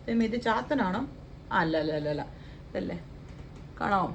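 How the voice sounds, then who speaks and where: A female vlogger with a Malayali accent, living in the UAE, chats casually at home about her shopping haul, playfully joking over how brand names should be pronounced. Her voice is medium-pitched and expressive, at normal speed with some vocal fry. There's slight background noise.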